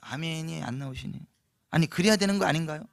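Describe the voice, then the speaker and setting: A man preaching a sermon at a church night service, telling the story lively and asking the congregation questions. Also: on the high side, quick pace, creaky, dry recording, studio quality. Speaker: pastor.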